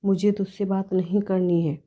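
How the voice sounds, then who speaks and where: A woman's voice: medium pitch, level tone, moderate pace, mellow, natural voice. Cranky old mother-in-law scolding away, woman reading her part, kinda muffled sound. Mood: angry. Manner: scolding, harsh. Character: angry stubborn older mother-in-law.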